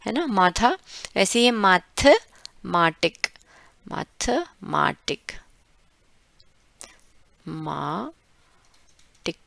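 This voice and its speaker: A woman from India teaching an online German lesson, breaking words into syllables and repeating them slowly. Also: mid-range voice, fairly bright tone, clean tone, dry recording. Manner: slow, syllable-by-syllable pronunciation drills.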